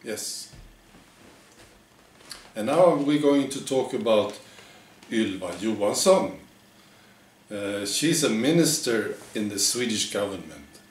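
A man in his forties presenting a parody news monologue in a deadpan, halting, mock-earnest way. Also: on the low side, slight background noise. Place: living room with bare walls, indoors. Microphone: camera a few metres away. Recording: echoey room, distant microphone.

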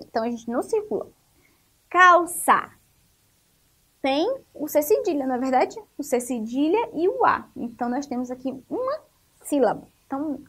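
A primary school teacher with a Brazilian Portuguese accent leads an online lesson for young children. Her voice is high-pitched, and she speaks slowly and encouragingly, asking questions and answering them herself.

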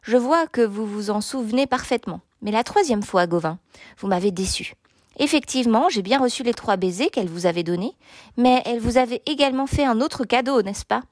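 Sneering giant knight, voiced by a woman: taunting, bright-pitched, dry. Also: lively intonation, a little fast, no room sound, natural voice. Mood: explaining. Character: huge mocking male knight, later a kindly lord. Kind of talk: storybook reading.

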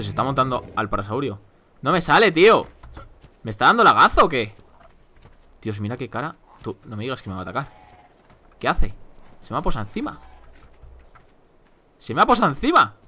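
A young man talks through his gameplay in an animated, bright voice that swings widely in pitch. He is chatty and exasperated, swearing and exclaiming at his bad luck. A faint hiss of noise sits under the desk-mic recording. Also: a little fast, pauses often. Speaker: gameplay commentator. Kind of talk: casual game commentary.

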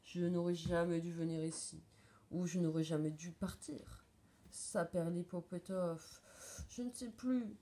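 A woman voicing a big, gentle male bear who speaks hesitantly and sorrowfully. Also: medium pitch, a little slow, lightly acted. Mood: lamenting.

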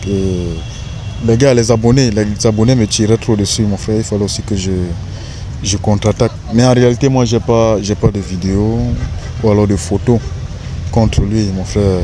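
A man's voice: on the low side, fairly even intonation, a little fast, warm tone. A young man, talking in slangy, emphatic street style on a park bench. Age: young adult. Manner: slangy, emphatic, keeps saying "bro". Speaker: interviewee, content creator. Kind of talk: casual outdoor interview. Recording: faint outdoor street noise.

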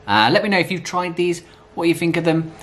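A man in his thirties giving a casual, halting taste-test review to camera in a room indoors. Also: a little high, expressive, a bit bright. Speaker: snack reviewer. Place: small plain room indoors. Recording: clear background noise with clicks.

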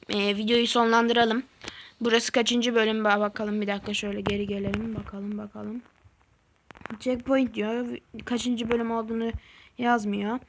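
This woman hosts a gaming channel, chattering to herself while playing with excitable, easily frustrated commentary. Her voice is on the high side, with slight background noise.

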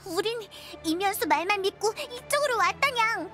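Squeaky little cat creature. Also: female voice, lively intonation, moderate pace. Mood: earnest. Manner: cutesy, adds a meow to sentence endings. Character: small cute timid cat creature, childlike. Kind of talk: Korean game character acting. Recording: loud game music behind.

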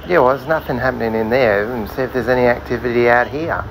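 A man's voice: mid-range voice, fast. Casual man ghost hunter, noisy off-mic recording. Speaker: paranormal investigator. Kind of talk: casual chat while ghost hunting. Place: inside and outside an empty house.

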